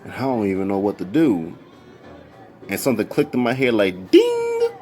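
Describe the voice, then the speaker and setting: A man telling a story casually, excitable and jumping into high squeals when he quotes people. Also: brisk.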